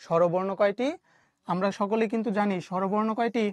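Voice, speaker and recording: A woman teacher with a Bangladeshi Bengali accent teaches an online class. She asks her students a question, waits a beat, and answers it herself. Her voice sits at a middle pitch and sounds dry and close, with no room around it. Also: fairly even intonation, a little fast, darkish tone, no echo.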